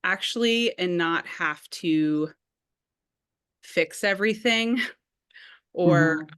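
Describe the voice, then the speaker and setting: Woman, candid and thoughtful, somewhat low voice, casual group sharing. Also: very slow, fairly bright tone, clear, resonant tone. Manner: candid, thoughtful, with light laughs and fillers. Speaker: community arts meeting participant.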